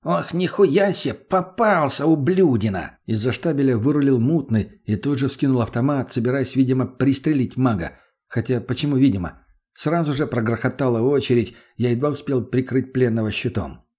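A man narrates a first-person audiobook in a husky, mid-pitched voice. His reading is terse and gritty, matter-of-fact and steady. He tells the action plainly, without flourish. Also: brisk.

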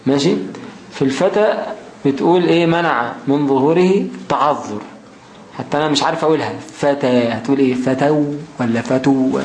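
A man with an Egyptian Arabic accent explaining a grammar text. He reads it out slowly, then keeps asking rhetorical questions as he goes. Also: mid-range voice. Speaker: grammar teacher. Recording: roomy echo, faint background noise.

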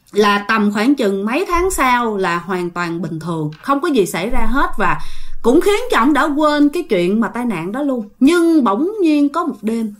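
A woman telling a ghost story, speaking straight to her listeners. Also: fairly high pitch. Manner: animated, addresses listeners directly.

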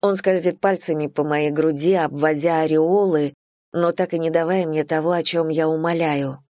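A woman narrating a first-person romance audiobook in an even, intimate, low-key reading. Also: normal speed, no echo, clean studio sound.

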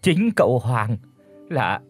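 A man's voice: medium pitch, sing-song, slow, faint music behind. A man voicing a frightened young pregnant village woman who stammers as she pleads. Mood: pleading.

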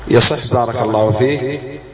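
A man teaching a spelling lesson to a class, speaking slowly, repeating examples and quizzing his students. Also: mid-range voice, steady tone, a little hiss or hum. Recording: echoey classroom, dull sound, students around.

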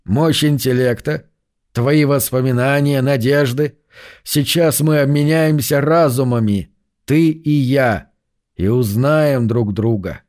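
A man voicing a proud, cold male android leader in an audiobook, speaking slowly and commandingly. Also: mid-range voice, a little mellow, lightly acted.

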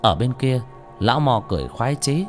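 A man narrating a fantasy story in an expressive, dramatic way. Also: mid-range voice, fairly quick. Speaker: audiobook narrator. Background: faint music.

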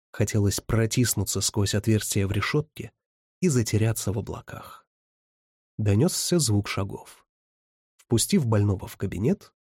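A male audiobook narrator with a low, husky voice, reading in an even, measured manner. The sound is dry and close. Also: no echo. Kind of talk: scripted narration.

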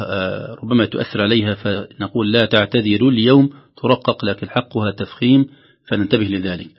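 Male recitation teacher, gravelly voice, quick delivery, dull lo-fi broadcast sound. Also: fairly low pitch. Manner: measured, stretches out quoted verses slowly. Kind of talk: explaining recitation rules with spoken examples.

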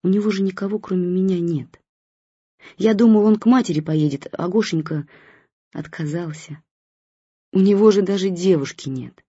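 Woman putting on a cranky frail old man for an audiobook, bossy and wry, husky warm voice, dull lo-fi sound. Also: fairly low pitch, moderate pace, long pauses, dry recording, pitched above the performer's own voice. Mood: pleading. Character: grumpy, frail old man, demanding and darkly joking. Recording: dull lo-fi recording.

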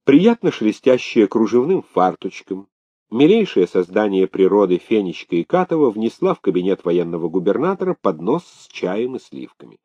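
A man narrating an audiobook in an expressive storytelling manner, on a dull lo-fi recording. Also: on the low side, normal speed, dry recording. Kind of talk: scripted narration.

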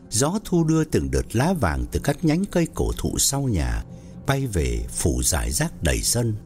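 A man narrating an audiobook story in a measured storytelling way. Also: a little mellow. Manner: measured storytelling with wide pitch swings.

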